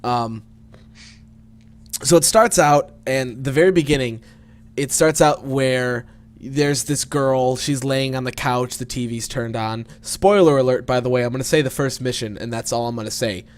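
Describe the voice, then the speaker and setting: A man's voice: mid-range voice, moderate pace. A man co-hosting a gaming podcast, chatting casually and rambling through stories with laughs. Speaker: podcast co-host. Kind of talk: casual chat.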